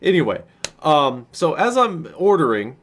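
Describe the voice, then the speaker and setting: A man's voice: a little high, very animated, unhurried, a bit bright. A man telling a story in a vlog, with a sarcastic, exasperated and profane manner. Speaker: vlogger.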